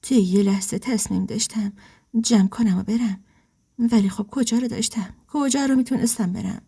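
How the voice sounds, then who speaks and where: A woman narrating a dramatic first-person story in a hushed, half-whispered, emotional way. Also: fairly high pitch, slightly rough.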